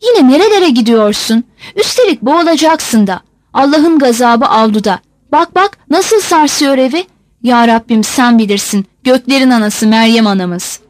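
A woman reading a storybook puts on a fussy old peasant mother who grumbles and scolds without end and keeps calling on heaven. her voice runs high and swings widely, close and dry with no room around it. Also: lively intonation, moderate pace, no room sound, natural voice. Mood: scolding grumble. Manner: scolding, fretful, pleading to heaven.

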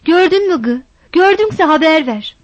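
A woman's voice: extremely high pitch, expressive, unhurried, no room sound, lo-fi sound, pitched above the performer's own voice. A woman voicing a frantic village mother who shrilly scolds and calls for her daughter.

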